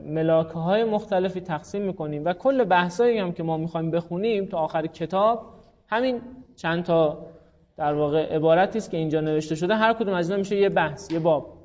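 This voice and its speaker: A man's voice: sits high, a little mellow. A man teaching a grammar class, explaining step by step and asking his students rhetorical questions. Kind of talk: classroom lecture. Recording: dull recording in a reverberant room.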